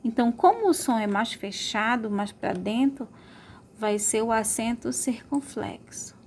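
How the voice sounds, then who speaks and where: A woman's voice: fairly high pitch, animated, a little slow, a little mellow, slight background noise. A woman teaching a remote school lesson, stretching out words to model their sounds and checking in with pupils often.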